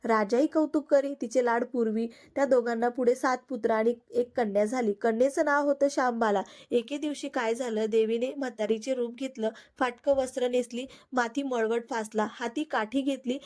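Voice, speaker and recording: A woman vlogger narrating a devotional folk tale in a steady, simple recital. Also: on the high side, normal speed, hardly any pauses. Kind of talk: storytelling narration.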